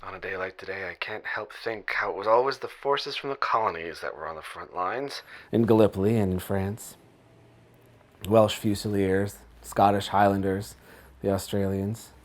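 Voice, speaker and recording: An actor playing a reflective caller who speaks in a measured, solemn way. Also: male voice, fairly low pitch, natural voice. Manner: measured, reflective, rising to indignation. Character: thoughtful grown man calling in, solemn about war history. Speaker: radio caller.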